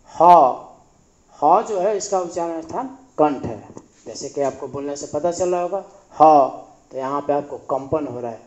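Patient high-voiced male teacher, echoey room. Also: warm tone. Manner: patient, repeats sounds and asks questions back to the listener. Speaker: Hindi grammar teacher. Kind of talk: classroom-style lesson. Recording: echoey room, slightly dull sound.

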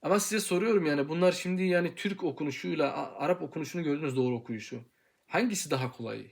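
A young man in his twenties teaching Quran pronunciation in an informal video lesson, drilling syllables aloud, earnest and full of hesitant pauses. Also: a little high, creaky. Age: 20s. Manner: hesitant with many pauses and fillers.

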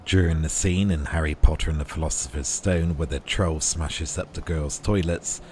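Very deep-voiced male tour guide. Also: steady tone, normal speed, a little mellow, a little hiss or hum. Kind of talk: scripted guided-tour narration.

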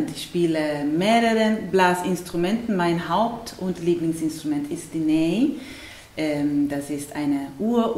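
A woman's voice: deep voice, darkish tone. A woman in her thirties from Italy with an Italian accent, a musician answering interview questions hesitantly, searching for words. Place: bright room with large windows. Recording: roomy sound from a distant mic with faint noise.

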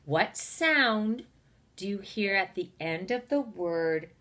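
A woman teacher leading a phonics lesson for young children, speaking slowly with careful enunciation and encouragement. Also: medium pitch, lively intonation, pushed and bright.

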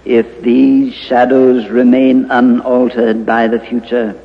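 Stately commanding ghost in an old radio play, slow talking, big long reverb. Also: male voice, mid-range voice, level tone, gravelly. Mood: solemn, foreboding. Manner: solemn, stately, theatrical. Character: Ghost of Christmas Present, a commanding, solemn male spirit. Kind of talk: 1950s radio drama acting. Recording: muffled, noisy 1950s radio with long reverb.

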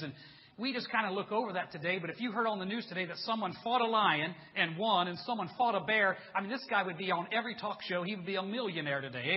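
A man preaching in a church sanctuary with a high voice. He jokes with his flock in a folksy way and swells into fervent, loud preaching. The recording is dull and carries a long church reverb. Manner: rises to loud, intense preaching. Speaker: pastor. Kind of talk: church sermon.

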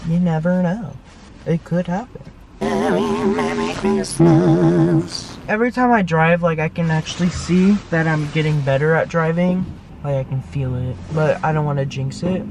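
A woman's voice: low voice, background noise. A teenage girl from New York chatting casually while driving, rambling with lots of fillers, recorded on a handheld camera inside a car. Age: teens. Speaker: vlogger. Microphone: handheld compact camera.

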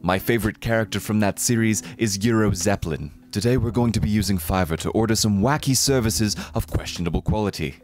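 A man's voice: brisk, hardly any pauses, a little mellow, faint music behind. A young man with a fake British accent doing a sarcastic comedic parody monologue as a YouTuber. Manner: mock-enthusiastic, sarcastic, jumps to shrill outbursts.

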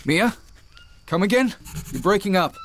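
A shaken survivor lost in the jungle. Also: male voice, high-pitched, lively intonation, measured pace, fairly bright tone, a little hiss or hum. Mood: alarmed. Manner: shaken, urgent, searching. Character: confused stranded man in the jungle.

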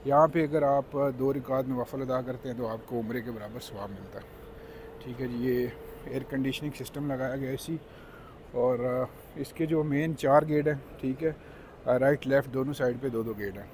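A travel vlogger in his thirties gives viewers a polite, explanatory guided tour in a casual vlog, moving from a car to an outdoor plaza and then into a mosque. His medium-pitched, darkish voice is fairly even at normal speed, with slight background noise.

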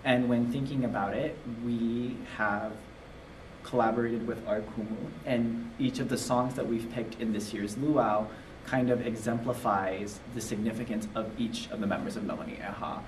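A man's voice: mid-range voice, moderate pace, slight background noise. A young man from Oahu, a college student, earnestly explaining his club's theme in a promo video interview. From Oahu, Hawaii. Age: young adult. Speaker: student club script chair. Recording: echoey room, distant mic.

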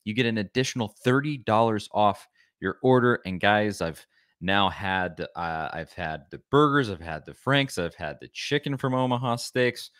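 A young man hosting a podcast, reading a sponsor ad in an upbeat, smooth delivery from a small home room. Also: fairly low pitch, moderate pace, fairly bright tone, dry recording, clean studio sound. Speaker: podcast host. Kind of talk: read sponsor ad.

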